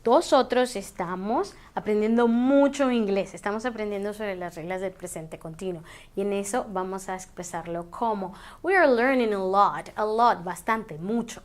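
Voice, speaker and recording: A woman teaching English grammar in a tutorial, explaining slowly and repeating the example words. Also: mid-range voice. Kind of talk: screen-based grammar tutorial.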